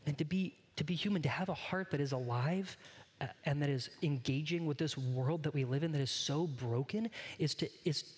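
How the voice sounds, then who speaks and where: Man, pastor, sermon, slightly high voice, conversational and earnest, long church reverb. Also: brisk, a little mellow. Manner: conversational, earnest preaching that addresses the congregation directly.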